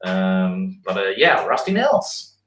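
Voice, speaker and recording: A man's voice: deep voice, big pitch swings, takes it slowly, a bit bright, echoey room, far from the mic, rough recording. A man with a Danish accent chatting casually and joking, full of likes and little laughs. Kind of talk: casual chat.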